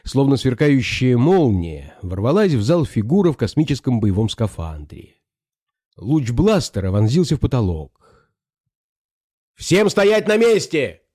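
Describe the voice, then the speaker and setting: A man narrating an audiobook in an expressive, dramatic manner. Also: mid-range voice, normal speed, husky, dry recording, studio quality.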